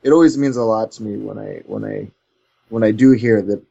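A man's voice: fairly low pitch, brisk, creaky, muffled recording. A man being interviewed as a company co-founder, telling stories in a rambling way full of "like" and "you know". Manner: rambling, heavy with "like" and "you know", animated storytelling. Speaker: guest, co-founder of a controller company. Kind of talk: casual interview chat.

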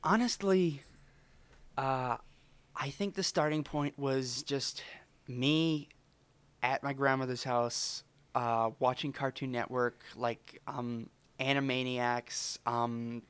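A man being interviewed as a podcast guest. He speaks in a mid-range voice and rambles through ums and likes. His talk is relaxed and conversational. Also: mid-range voice, takes it slowly, smooth. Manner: rambling, with many fillers. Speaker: podcast guest, voice-over student. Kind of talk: casual interview chat.

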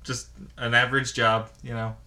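Young halfling played by a man, hesitant, bright voice, tabletop role-play. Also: mid-range voice, little pitch movement, normal speed. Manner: hesitant, easygoing. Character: young male halfling window cleaner, easygoing.

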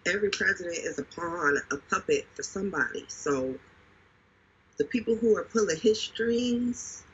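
A man's voice: high-pitched, lively intonation, normal speed, fairly bright tone, breathy edge. A man in casual conversation, retelling events dramatically with emphatic repetition. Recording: dull lo-fi audio.

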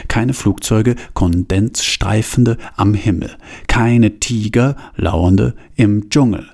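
A man reading his own absurd story aloud in a deadpan manner, with drawn-out pauses. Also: on the low side, vocal fry.

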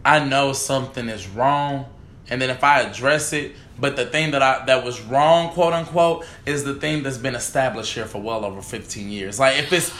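A man's voice: mid-range voice, moderate pace, a bit bright. A man in casual podcast chat, telling stories in an emphatic, rambling way. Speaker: podcast co-host. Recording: echoey room.

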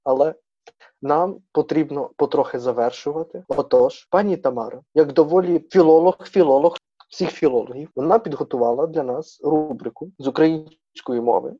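A man's voice: fairly high pitch, lively intonation, moderate pace, warm tone, breathy edge, dry recording, muffled recording. Playful young man hosting a podcast. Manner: playful, teasing, mixes in Russian words. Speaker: podcast host. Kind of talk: casual podcast chat.

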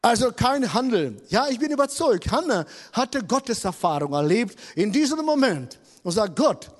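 A man's voice: very high voice, big pitch swings, moderate pace. A man preaching a sermon in a church hall, emphatic and repeating his key words. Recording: long reverb of a large hall.

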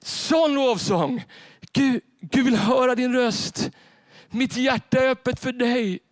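A man preaching a sermon from a church stage, animated and repeating his key phrases straight to the congregation. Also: very high-pitched, no echo. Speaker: pastor.

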